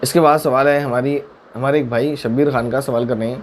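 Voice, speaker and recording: A man's voice: mid-range voice, fairly even intonation, slight background noise. Man patiently explaining religious rulings. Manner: patient, explains step by step with worked examples. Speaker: mufti answering viewer questions. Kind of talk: religious Q&A lesson.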